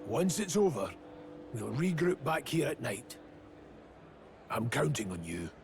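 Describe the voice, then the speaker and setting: Gravelly, firm band leader in a game, read by a man, voice swinging up and down. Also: medium pitch, very animated, measured pace, background noise, voice pushed up. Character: steady older male leader parting from his young daughter.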